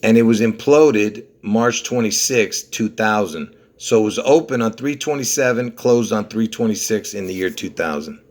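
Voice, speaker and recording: This Lebanese host speaks at normal speed with hardly any pauses, his fairly low voice expressive as he goes through a conspiracy numerology video. He keeps insisting and rambling, regularly asking "okay?" and "you see?".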